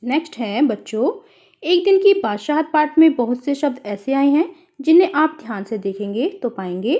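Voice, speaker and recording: A woman's voice: sits high, dark tone. A woman teacher explaining a worksheet to children, spelling words out syllable by syllable and calling her pupils "beta".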